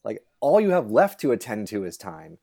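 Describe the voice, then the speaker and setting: A man's voice: fairly low pitch, very animated, normal speed, creaky, warm tone. A man, a researcher guest, explaining ideas conversationally and animatedly, with many restarts and voices put on for quotes.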